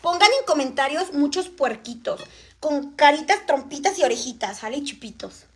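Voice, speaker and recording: A woman's voice: sits high, expressive, moderate pace. A woman with a Mexican accent chatting to viewers while eating on a live stream.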